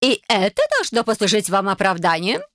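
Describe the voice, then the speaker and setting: A woman's voice: medium pitch, expressive, fairly quick, a bit bright, dry recording, clean studio sound, lightly acted. Woman playing a stern scolding dorm matron. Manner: prim, scolding, disbelieving. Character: stern strict werewolf dormitory matron, woman. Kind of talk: audiobook character voice.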